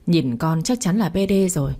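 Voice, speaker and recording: A woman's voice: deep voice, lively intonation, fairly quick, mellow, husky, heavily acted. A woman voicing a stubborn middle-aged mother who scolds her daughter with blunt commands, in a storybook reading. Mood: scolding.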